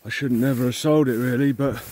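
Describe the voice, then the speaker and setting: Walking beside an old combine in an overgrown field, its owner narrates casually while filming on a handheld phone. His mid-range voice is steady and slightly mellow, a little fast, and he thinks aloud in a rambling way full of ums and restarts.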